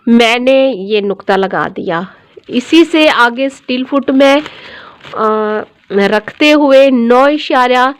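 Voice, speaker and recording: A woman teaching a dressmaking tutorial, explaining each step patiently and repeating every measurement. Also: fairly high pitch.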